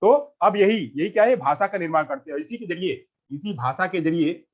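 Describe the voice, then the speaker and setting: A man with a high voice lectures a class at normal speed, heavy on repetition, raising questions that he then answers himself. The recording is muffled and lo-fi.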